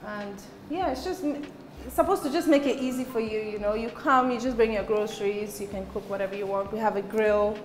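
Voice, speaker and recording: A woman's voice: mid-range voice, brisk, a little hiss or hum. A woman in her thirties, from Switzerland and Ghana, chatting relaxedly while showing an apartment. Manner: relaxed, chatty, laughs easily. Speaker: apartment owner giving a tour. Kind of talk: casual chat on a tour. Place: indoor apartment. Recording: echoey room.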